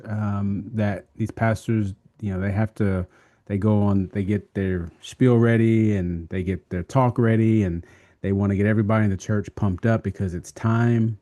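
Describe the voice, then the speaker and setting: Man, middle-aged, podcast co-host, lively joking chat, dry sound. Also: fairly low pitch, no room sound. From Texas. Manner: animated, joking storyteller with frequent "right?". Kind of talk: casual chat.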